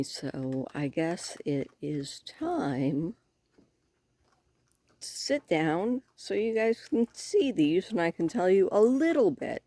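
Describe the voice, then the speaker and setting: A woman chatting casually in a vlog, with a slight lisp and careful, halting speech as she talks around newly fitted false teeth. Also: fairly low pitch, warm tone. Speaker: vlogger giving a personal update.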